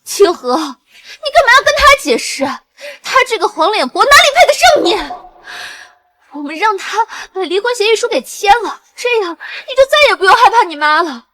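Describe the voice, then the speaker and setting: An actress playing an arrogant, spiteful young mistress who taunts and shouts. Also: female voice, sing-song, normal speed, full character voice. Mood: indignant. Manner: sneering, taunting, shrill. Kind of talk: short drama acting.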